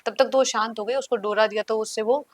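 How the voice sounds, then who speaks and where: A woman's voice: fairly high pitch, fairly even intonation, fast talker. A woman guest on a podcast, telling a story vividly and acting out what she once said. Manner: vivid storytelling, acting out her own past lines. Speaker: guest singer.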